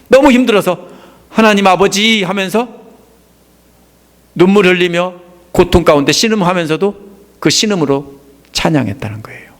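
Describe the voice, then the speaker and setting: A middle-aged Korean man preaching a sermon, asking the congregation questions and answering them, his voice rising for emphasis and then dropping low and soft. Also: vocal fry. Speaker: pastor.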